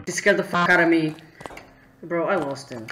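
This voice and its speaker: A woman streaming a horror game with casual commentary, jumpy and scared, breaking into excitable exclamations. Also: on the low side, normal speed. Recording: music behind the voice.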